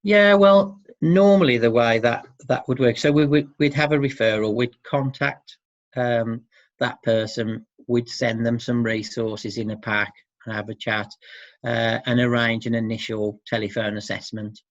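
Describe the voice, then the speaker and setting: With a medium-pitched, steady voice and an unhurried pace, this interviewee reflects thoughtfully and a bit hesitantly on his work supporting dads, keeping things informal. The sound is muffled, lo-fi and roomy.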